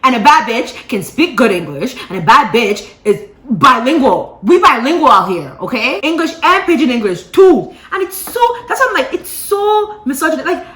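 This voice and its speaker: Woman, from Nigeria, casual vlog rant, bright tone, echoey room. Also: fairly high pitch. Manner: animated, ranting, laughs often. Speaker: vlogger. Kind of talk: casual gist chat.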